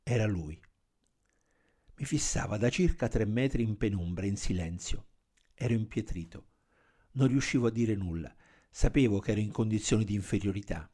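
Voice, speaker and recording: A man reading a first-person crime story aloud in a steady, measured manner. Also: on the low side. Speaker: narrator. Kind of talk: scripted narration of a crime story.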